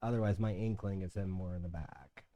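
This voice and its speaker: A man's voice: sits low, steady tone, brisk, dark tone, dry recording. A man chatting out of character at a tabletop game, thinking aloud with hesitant restarts. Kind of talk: casual chat out of character.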